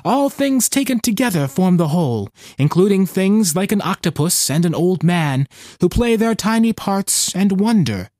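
A man's voice: high-pitched, sing-song, darkish tone, no echo, clean studio sound, pitched above the performer's own voice. A man voicing a cheerful, placid older fisherman in a storybook reading, speaking heartily and without hurry in a raised voice. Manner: hearty and unhurried.

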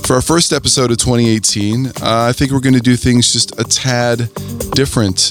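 A man with a raspy, hoarse voice casually hosting a podcast. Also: mid-range voice, fairly even intonation, brisk, music in the background. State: hoarse after New Year celebrations. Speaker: podcast host.

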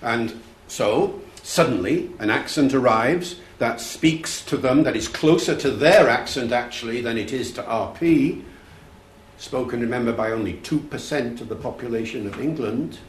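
A man's voice: mid-range voice, moderate pace, reverberant, slight background noise. A man giving a public talk to an audience, explaining things and telling anecdotes, with occasional fillers. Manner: explanatory, storytelling, uses fillers. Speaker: festival speaker on language. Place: room with an audience.

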